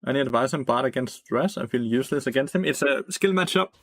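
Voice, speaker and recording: A man's voice: medium pitch, animated, fast, dry recording, clean studio sound. A young man streaming a game, giving blunt, profane commentary, laughing and answering chat. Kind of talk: casual gameplay commentary.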